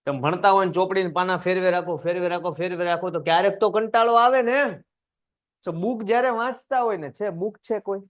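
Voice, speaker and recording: High-voiced lively male teacher. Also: a little fast, highs cut off. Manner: lively, swings between loud emphasis and low asides, talks to chat. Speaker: English teacher. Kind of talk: live online class explaining a poem.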